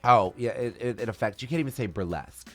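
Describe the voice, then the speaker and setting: A man who performs in drag tells stories in a casual interview, speaking quickly at medium pitch over crowd noise. His voice is strong, theatrical, and flamboyant, full of big swoops.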